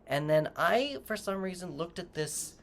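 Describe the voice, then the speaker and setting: Rambling, gently advising tarot reader. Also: mid-range voice, expressive, measured pace, gravelly, slight background noise. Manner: loose and rambling, with frequent self-corrections; gently advising, speaking straight to the viewer. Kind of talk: casual tarot reading to camera.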